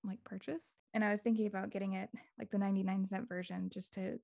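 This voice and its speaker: A woman's voice: mid-range voice, little pitch movement, fast talker, creaky, a little mellow, dry recording, clean studio sound. A woman co-hosting a podcast, chatting casually and wryly with her cohost. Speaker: podcast co-host. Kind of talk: casual chat.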